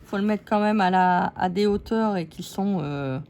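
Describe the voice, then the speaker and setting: A woman's voice: medium pitch, normal speed, a little mellow, a little hiss or hum. A woman hosting a casual scrapbooking tutorial, chatty and giggly, poking fun at herself as she works. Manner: chatty, giggly, self-mocking.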